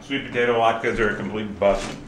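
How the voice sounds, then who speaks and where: A man, a father filming a family home vlog in the kitchen, talking in a dry, deadpan, teasing way. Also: on the low side, a little fast. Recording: noisy home camera audio.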